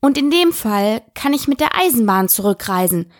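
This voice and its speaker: A woman's voice: on the high side, sing-song, normal speed, no echo, studio quality. A woman voicing a polite, curious young girl who chatters eagerly and apologizes often.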